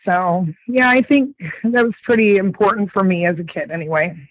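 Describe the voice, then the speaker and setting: A woman's voice: medium pitch, moderate pace, no room sound. A woman guest on a podcast, chatting casually about a film and thinking aloud, with easy laughs. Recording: dull lo-fi sound.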